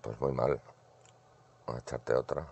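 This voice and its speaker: Male streamer, very low gravelly voice, mutters to himself through retro arcade play. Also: steady tone, normal speed, a little mellow. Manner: muttering, talks to himself while playing. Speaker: gaming streamer. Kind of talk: casual gameplay commentary.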